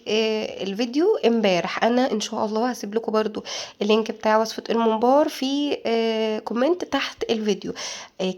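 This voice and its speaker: Egyptian woman, cooking vlogger, quick and chatty, voice sits a little high, talks straight to viewers. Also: a little mellow. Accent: Egyptian Arabic. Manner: chatty, addresses viewers directly. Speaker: cooking channel host. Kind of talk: casual cooking vlog narration.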